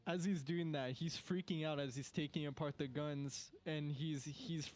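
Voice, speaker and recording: A man's voice: fairly high pitch, steady tone, normal speed, a little mellow. A man playing a tabletop game, describing his character's actions in a hesitant, rambling way. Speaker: player.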